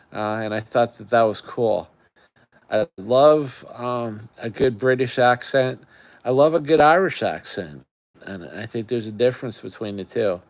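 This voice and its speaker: On his camping channel's live stream, a middle-aged Great Lakes man chats loosely, wandering off topic and using lots of fillers. He has a medium-pitched, darkish, clean voice, and the recording is dry.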